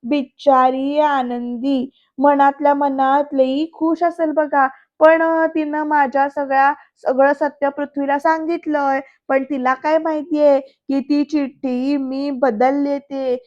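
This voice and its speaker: A woman's voice: high voice, flat delivery, takes it slowly, darkish tone, lo-fi sound. A woman voicing a jealous, scheming young man who gloats to himself in a smug mutter.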